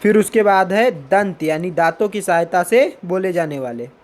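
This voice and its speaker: Guy teaching the alphabet, says every letter slow and clear, keeps going "theek hai?". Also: sits high, expressive. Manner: sounds out each letter slowly and clearly; often checks in with a rising "theek hai". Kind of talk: grammar lesson.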